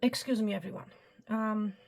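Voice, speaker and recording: A psychic reader gives a tarot-style spiritual reading to camera, her mid-range, creaky voice soft and reassuring at a steady tone and moderate pace. She often drops to a whisper and checks in with the listener, repeating "okay" and "my friend." Soft music plays behind her.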